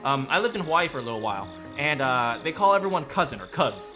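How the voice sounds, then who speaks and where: Over faint background music, a streamer talks game lore with his chat in a fast, medium-pitched voice with big pitch swings. His casual talk rambles, full of restarts and tag questions.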